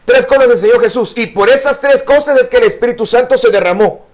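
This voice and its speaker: A man's voice: extremely high pitch, fast talker. A male pastor teaching a Bible study, earnest and explanatory, with frequent fillers and repeated words. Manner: addresses listeners as brother.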